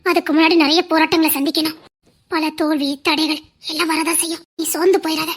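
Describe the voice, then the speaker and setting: A woman's voice: high-pitched, little pitch movement, fast talker, natural voice. A woman voicing a grieving mother who lost her twin babies, speaking in an earnest, insistent and soothing way in an amateur audio drama.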